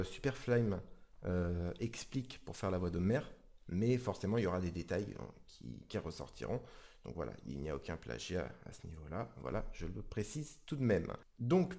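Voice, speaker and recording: A gaming YouTuber explaining things in a casual video tutorial, chatty and repetitive. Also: male voice, lowish voice, mellow.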